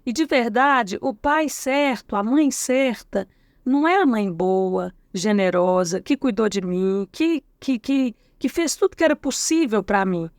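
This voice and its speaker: A middle-aged woman with a Brazilian Portuguese accent tells a story as a guest in a relaxed interview. Her voice sits a little high for a woman. She acts out the people in the story, speaks in their voices, and keeps checking in with short tag questions. The sound is dry and close. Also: unhurried, no room sound. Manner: acts out quoted dialogue, frequent tag questions. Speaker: guest educator. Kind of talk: anecdotal storytelling in a casual interview.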